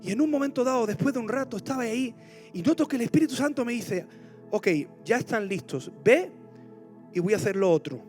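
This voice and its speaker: A man preaching a passionate sermon, telling stories with loud cries and hushed asides. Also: very high-pitched, lively intonation, brisk, soft background music. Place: large church auditorium.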